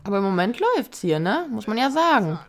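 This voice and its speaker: A woman's voice: mid-range voice, big pitch swings, a little fast. Woman, let's play host: chatty, casual, teasing, reads menu options aloud. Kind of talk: casual game commentary.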